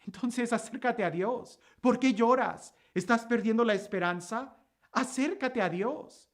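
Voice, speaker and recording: A woman giving a sermon-style gospel reflection, asking repeated rhetorical questions and swinging between emphatic lines and hushed, soft ones. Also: on the high side, unhurried.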